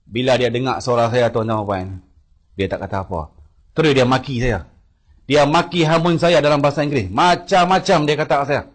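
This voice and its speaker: A Malaysian-accented man addresses a crowd in a public speech, telling his own story with emphasis. His voice is husky and a bit rough, and it sits at an ordinary middle pitch for a man. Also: a little fast. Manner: emphatic storytelling, mixes in English words. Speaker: speaker addressing a rally audience. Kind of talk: public speech, personal account.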